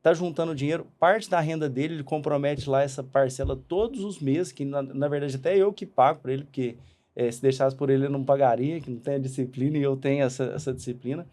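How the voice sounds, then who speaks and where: A man from Brazil hosting a casual podcast chat, talking in animated quick bursts and often repeating words. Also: medium pitch. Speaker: podcast host.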